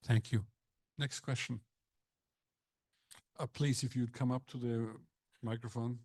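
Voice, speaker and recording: A man's voice: medium pitch, level tone, darkish tone, breathy edge, dry recording, studio quality. A man moderating a panel, politely calling up audience questions. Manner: polite, brisk.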